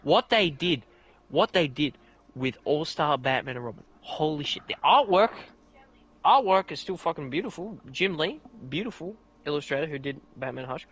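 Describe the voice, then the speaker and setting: A man's voice: normal speed, husky, muffled recording. A man hosting a podcast, telling a rambling story in casual chat, swearing a lot and restarting his sentences. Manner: excitable, profane storytelling with restarts; leaps to much higher pitch when outraged. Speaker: podcast host.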